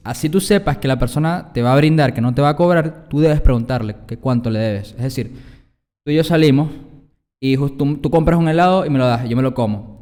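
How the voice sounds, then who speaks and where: A man, co-hosting a casual podcast, explaining his points slowly with acted-out examples. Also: mid-range voice, a little mellow. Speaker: podcast co-host. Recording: hall reverb.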